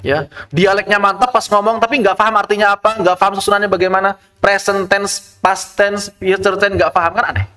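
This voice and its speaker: A man teaching an online tajwid lesson. He explains with rhetorical questions and recites Arabic verse slowly. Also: sits high, level tone, bright, forceful tone. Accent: Indonesian.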